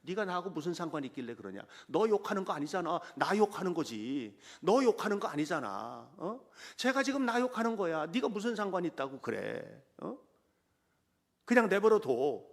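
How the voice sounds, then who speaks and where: A male preacher voicing a patient king who calms his angry nephew and holds back his own anger, sometimes dropping to a hush. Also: sits high, moderate pace, vocal fry, exaggerated voice. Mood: restraining. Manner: restrained, pleading, at times hushed.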